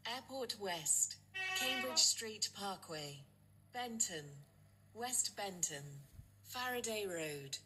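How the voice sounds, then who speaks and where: A woman's voice: medium pitch, animated, slow pace, background noise. A woman's recorded train announcements, built from spliced-together words read out as a list of stops. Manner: clipped, evenly paced list of stops. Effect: spliced-together words, stitched from separate recordings.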